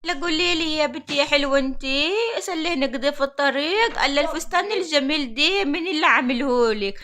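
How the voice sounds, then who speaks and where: A woman's voice: high-pitched, fast, pushed and bright. A woman doing a rambling, forgetful old beggar woman. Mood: chatty. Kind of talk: animated story voice acting.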